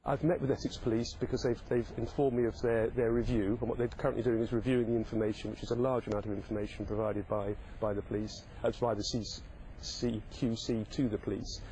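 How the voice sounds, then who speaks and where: Man, dark mellow voice, medium pitch, official interview statement, halting, background ambience. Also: little pitch movement, slight background noise, poor audio. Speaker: hospital chief executive.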